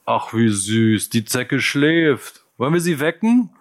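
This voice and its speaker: A man voicing a young neo-Nazi gang leader who taunts his victim slowly and with mock sweetness, in an audiobook. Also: medium pitch, expressive, fairly bright tone, voice pushed up. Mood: taunting.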